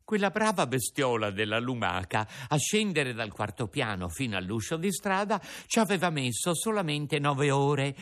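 A man narrating a storybook in an expressive, animated way. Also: mid-range voice, moderate pace, hardly any pauses.

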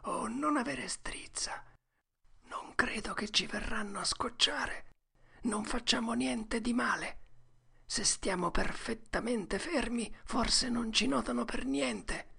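A storyteller voicing a nervous young boy trying to sound brave, in whispered role-play with a hushed, reassuring whisper. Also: mid-range voice, takes it slowly, gravelly, slightly rough, pitched above the performer's own voice, full character voice. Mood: tense.

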